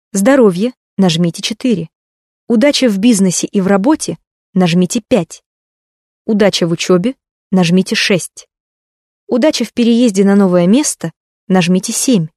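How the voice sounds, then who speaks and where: A woman reading automated phone menu prompts in a calm, even, measured way. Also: mid-range voice, dry recording, clean studio sound.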